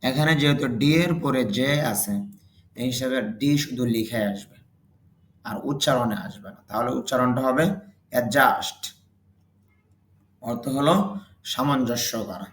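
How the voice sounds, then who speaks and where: A man's voice: mid-range voice, normal speed, echoey room. A man teaching English vocabulary, saying each word and its meaning twice and explaining pronunciation rules. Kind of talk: slow vocabulary drill lesson.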